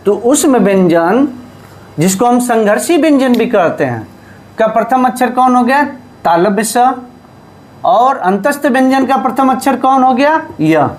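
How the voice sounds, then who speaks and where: A man's voice: very high voice, expressive, unhurried. A male teacher giving a lesson, who asks questions and answers them himself and repeats the key terms. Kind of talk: classroom lesson.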